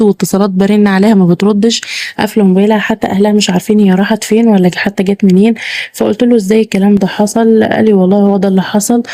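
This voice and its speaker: An Egyptian woman narrates her own story in a plain, conversational way, rushing through it at a very fast pace. Her voice is dark and gravelly, with a fairly flat pitch. The recording is close and dry. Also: no room sound. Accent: Egyptian Arabic. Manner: plain conversational retelling with fillers. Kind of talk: first-person story narration.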